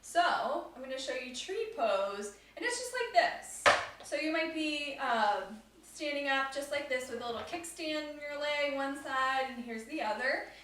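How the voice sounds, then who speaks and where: A woman's voice: sits high, animated, unhurried, very echoey, distant mic, noisy background. A woman leading a family yoga class, upbeat and instructive as she talks children through the poses. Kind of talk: guided kids yoga class.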